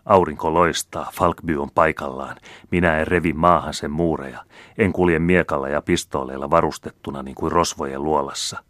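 A man doing a tense young nobleman, deep voice. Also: steady tone, fairly bright tone, dry recording. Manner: clipped, tightly controlled. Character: tense young nobleman holding back anger.

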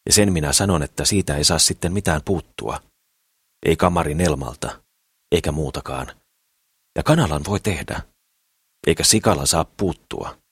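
A man voicing a naive crippled dreamer with a hoarse, wheezing voice, eagerly boasting in an audiobook. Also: low voice, lively intonation, pauses often, no echo, clean studio sound, voice pushed up, exaggerated voice. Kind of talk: audiobook character reading.

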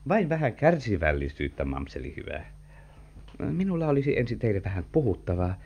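A sly, flirtatious gentleman who talks with big theatrical swoops, rising and falling all over. It sounds like a dull, lo-fi vintage radio recording. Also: fairly low pitch, big pitch swings, a little hiss or hum. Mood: smooth. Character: sly, flirtatious gentleman bearing news of an inheritance. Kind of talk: vintage radio play acting.

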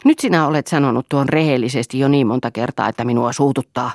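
A woman's voice: rumbling low, expressive, darkish tone, no echo, clean studio sound. A woman voicing a moody, self-pitying husband in an audiobook, speaking in sulky, boastful outbursts. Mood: angry. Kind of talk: audiobook character reading.

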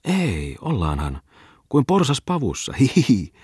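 A man's voice: mid-range voice, big pitch swings, darkish tone, husky, no room sound, clean studio sound, voice pushed up. A man voicing a curious, easily amused small-town man who speaks in a lifted, eager tone, read from a storybook.

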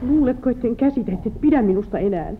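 An actress playing Martta, a weeping jealous farm wife. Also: female voice, fairly high pitch, lively intonation, slight background noise, close to an everyday voice. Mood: bitter. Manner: tearful, accusing, fragile. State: crying. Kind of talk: 1940s film drama acting. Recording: tinny old 1940s film soundtrack.

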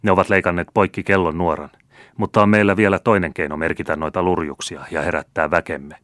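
A man voicing a gruff, harsh middle-aged bailiff who barks orders in a storybook reading. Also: deep voice, steady tone, fairly bright tone, no echo, clean studio sound. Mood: urgent. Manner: barking orders, scornful.

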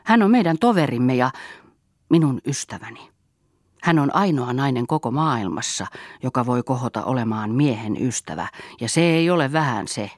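A man's voice: mid-range voice, lively intonation, dry recording, studio quality, close to an everyday voice. A man voicing an older male veteran reveler who gives a solemn, sentimental toast.

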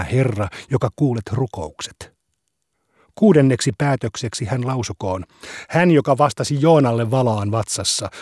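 A man giving a measured, solemn reading of translated religious texts. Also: mid-range voice, a little mellow, no room sound, clean studio sound. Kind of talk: scripted reading of translated scripture.

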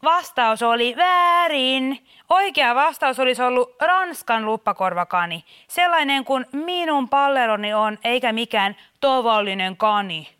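A woman plays an exasperated young radio quiz host with chirpy presenter patter. Her voice sits high and clear, with lively swings in pitch. It is a radio comedy sketch. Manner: bright presenter patter, scolding.

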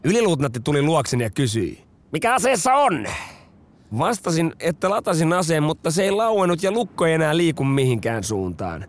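Lively male podcast storyteller. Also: a little high. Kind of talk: scripted storytelling narration.

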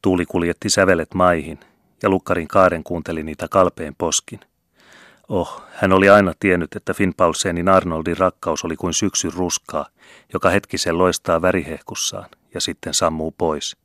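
A man narrates a novel for an audiobook in a very low, deep voice. His delivery is measured and even, telling the story at a steady pace. The recording is close and dry, with no room sound. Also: dry recording. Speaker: audiobook reader. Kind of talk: scripted literary narration.

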